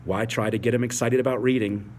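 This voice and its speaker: A man's voice: medium pitch, steady tone, fast talker, darkish tone, a little hiss or hum. A man in his forties, an English teacher, speaking passionately and emphatically to fellow teachers, repeating key phrases. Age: 40s.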